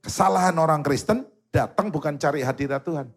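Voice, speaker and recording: A man with an East Javanese accent preaching a sermon, an animated and joking storyteller who slips into Javanese words. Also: on the high side, brisk, soft background music. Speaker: pastor. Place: church service in a mall event hall.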